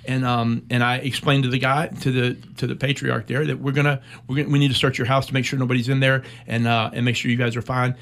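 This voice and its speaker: In an interview, a middle-aged American man who served in the military reflects on a personal war story. His medium-pitched voice is flat and a bit bright with vocal fry, and he speaks in a measured way with frequent pauses.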